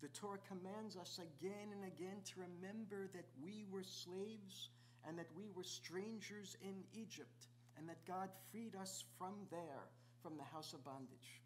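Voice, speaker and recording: A man's voice: sits high, a little slow, slight background noise. A middle-aged man, a visiting rabbi, gives a sermon in a large synagogue sanctuary, stacking up repeated rhetorical questions. He is picked up by a distant camera.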